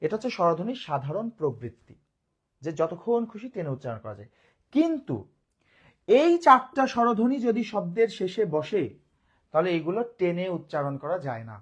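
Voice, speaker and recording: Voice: mid-range voice, very animated, moderate pace, husky. A grammar teacher, giving a live online lesson, who often asks the class a question and answers it, repeating key points.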